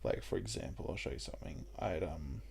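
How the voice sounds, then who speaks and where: A young adult Australian gaming YouTuber rambles through casual let's-play commentary on a puzzle game, relaxed and full of ums. His croaky, gravelly voice is very deep, he talks fairly quickly, and there is slight background noise.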